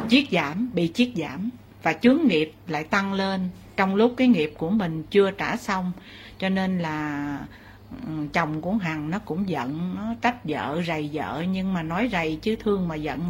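A woman's voice: lowish voice, a little hiss or hum. A woman acting as a spirit medium, talking in a rambling way full of fillers and exclamations. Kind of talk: spiritual session talk.

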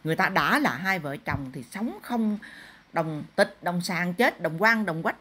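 A woman's voice: lowish voice, expressive, a little slow, a bit bright, husky. A middle-aged woman, a spirit medium, lecturing a client firmly. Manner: firm, lecturing. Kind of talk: counselling a client in a spirit ritual.

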